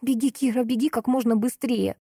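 A woman's voice: on the high side, steady tone, fairly quick, warm tone, slightly rough, dry recording, clean studio sound, pitched above the performer's own voice. Tearful young bride, read by a woman. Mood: tearful pleading. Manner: trembling, breathless pleading.

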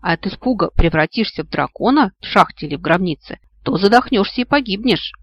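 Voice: medium pitch, animated, a little fast, lo-fi sound, close to an everyday voice. A reader voicing gloomy know-it-all Nori. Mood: grim.

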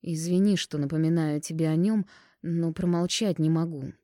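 A woman's voice: low-pitched, fairly even intonation, dark tone, dry recording, clean studio sound, close to an everyday voice. A woman reading an audiobook and voicing a nosy young woman friend who teases, pouts and takes offence easily. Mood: apologetic. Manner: teasing, indignant, quick to take offence.

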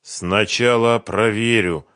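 A man's voice: mid-range voice, sing-song, measured pace, a bit bright, no echo, studio quality, pitched above the performer's own voice. A man voicing a stubborn, worn-out hunted man in an audiobook, clipped and insistent.

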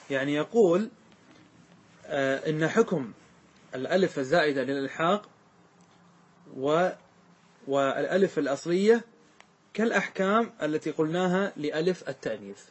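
This Arabic grammar teacher has a slightly high, husky voice. Leading a classroom lesson on a grammar poem, he patiently goes back over examples and makes sure his students are with him.

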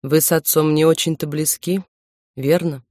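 Woman reading a calm, possessive young romantic lead, gentle, dry studio sound. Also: sits low, normal speed, dry recording, close to an everyday voice. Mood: gentle probing. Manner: careful, soft-spoken, self-assured. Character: confident possessive young man, gentle lover.

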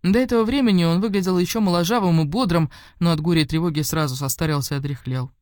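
A woman reading an audiobook of a fairy tale in a measured, expressive storytelling manner. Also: fairly low pitch, no echo, studio quality. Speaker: audiobook narrator. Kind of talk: scripted narration of a fairy tale.

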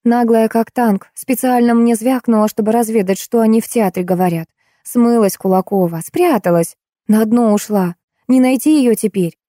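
Woman doing brash sharp-tongued gossip. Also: fairly high pitch, dry recording, studio quality, voice pushed up, natural voice. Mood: indignant. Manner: sharp-tongued, brisk, scolding. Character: brash gossipy female theatre props woman.

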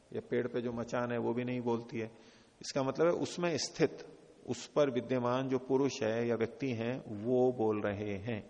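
A man with an Indian accent giving a scripture lecture, explaining slowly, chanting Sanskrit quotes and asking and answering his own questions. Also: medium pitch, creaky, a little mellow. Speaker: Vedanta teacher. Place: ashram lecture hall. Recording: dull lo-fi audio, long hall reverb.

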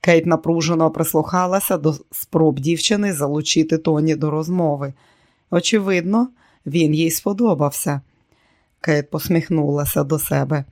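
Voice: mid-range voice, a little mellow, no echo. Dry, close audiobook narrator. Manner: measured storytelling. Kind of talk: scripted narration.

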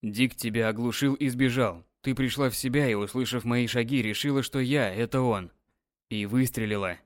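A man voicing a calm, insistent, controlling husband in an audiobook, soothing but commanding. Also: medium pitch, moderate pace, no echo, studio quality, natural voice. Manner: firm, soothing yet commanding. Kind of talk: audiobook character reading.

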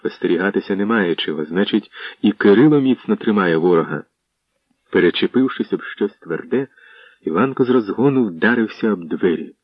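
A man narrates a historical tale in a low voice, with measured, scripted storytelling. The audio is dull and lo-fi, like an old radio broadcast, and sounds dry and close. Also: animated, slightly rough, no room sound.

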